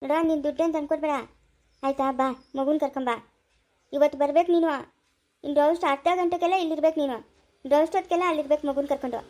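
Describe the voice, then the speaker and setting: A woman's voice: high-pitched, steady tone, quick pace, darkish tone, natural voice. A woman voicing a young mother in a cartoon, desperate to protect her baby, pleading and tearful. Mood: demanding. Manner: pleading, tearful, then threatening. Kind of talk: cartoon voice acting.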